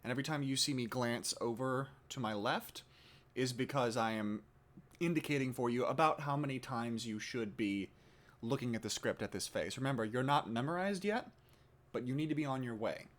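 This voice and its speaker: A man's voice: mid-range voice, moderate pace. A man who teaches theatre, speaking casually to the camera as he explains a rehearsal assignment and reflects on his own progress. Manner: casual, relaxed, many fillers and restarts. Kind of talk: instructional demo and self-reflection.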